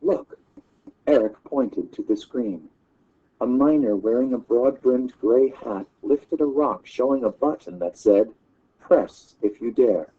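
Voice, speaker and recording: A male teacher reading a story aloud for a classroom lesson, slow and measured. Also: medium pitch, breathy edge. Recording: dull lo-fi recording.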